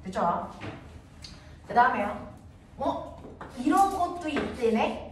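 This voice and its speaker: Woman, science teacher, high voice, playful quick questions, classroom lesson, far from mic, noisy. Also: big pitch swings. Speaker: middle school science teacher. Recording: echoey room, distant mic, background noise.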